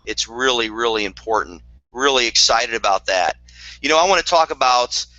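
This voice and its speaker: Guy pumping up his downline, really bright sharp voice, repeats himself a lot, bit sarcastic, muffled lo-fi sound. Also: medium pitch, expressive, moderate pace, no echo. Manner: earnest, repetitive, with dry sarcastic asides. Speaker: network marketing leader. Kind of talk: motivational sales talk. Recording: dull lo-fi dry recording.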